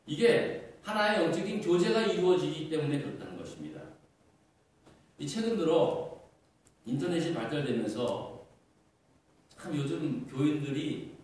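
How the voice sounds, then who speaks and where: A man's voice: a little high, a little mellow. A middle-aged male pastor delivering an earnest sermon, asking rhetorical questions and using fillers. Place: church sanctuary. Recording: echoey church hall, far from mic.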